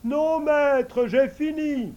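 Squeaky eager invisible servant, super devoted, storybook. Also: male voice, extremely slow, highs cut off, heavily acted. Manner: high, excited and devoted.

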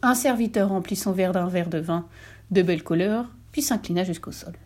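A woman narrating a fairy tale aloud in a dramatic, animated storybook manner. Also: lowish voice, moderate pace.

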